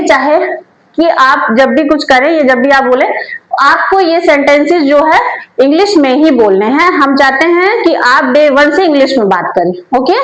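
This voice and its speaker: A woman teaching spoken English, with an Indian English accent, explaining casually and then saying each model sentence slowly and drawn out. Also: high-pitched, fairly bright tone, echoey room, rough recording. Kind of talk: classroom lesson in Hindi.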